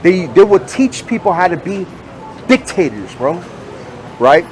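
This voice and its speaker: A man's voice: high voice, very animated, unhurried, a little mellow, a little hiss or hum. A man interviewing a stranger on the street in casual talk, pressing with questions and dropping in Spanish phrases.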